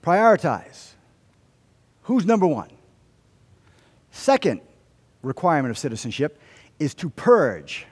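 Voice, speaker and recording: A middle-aged male pastor preaching a sermon in a church, telling stories and leading a prayer, dropping to a hush and then rising to emphatic points. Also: on the high side, very animated, slow, pauses often, husky. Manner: storytelling, swings from hushed to emphatic. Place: church sanctuary. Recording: long hall reverb.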